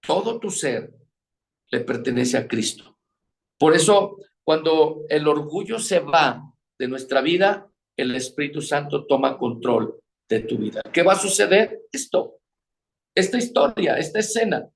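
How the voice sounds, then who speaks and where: A man preaches about marriage, with a somewhat high voice. He keeps asking his listeners questions. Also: lively intonation, unhurried, vocal fry. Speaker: pastor teaching on marriage. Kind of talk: sermon.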